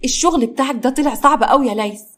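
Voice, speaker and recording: A woman's voice: high voice, very fast, pitched above the performer's own voice. Woman doing a whiny, dramatic young Egyptian woman. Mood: complaining. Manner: whiny, theatrical complaining. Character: exhausted, dramatic young woman office worker.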